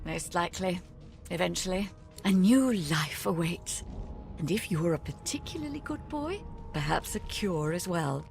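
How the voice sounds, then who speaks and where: In a fairly low-pitched voice with vocal fry, a woman plays a video game jailer: a smug, condescending prison-ship magister. She teases and patronises her captive with a mockingly sweet manner.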